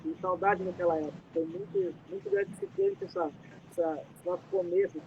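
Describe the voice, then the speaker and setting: Hosting a laid-back live stream from a dim room, this Brazilian man talks fairly quickly, his pitch swinging hugely. He has a Brazilian Portuguese accent and rambles, filling gaps with lots of fillers. With the headset removed, the computer mic yields muffled lo-fi sound and a faint rumble.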